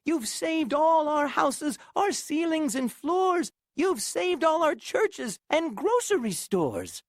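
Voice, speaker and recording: A woman voicing a tiny, cheerful male town mayor who speaks in a high, eager piping voice, reading a storybook aloud. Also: big pitch swings, slow, no echo, clean studio sound, full character voice. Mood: grateful.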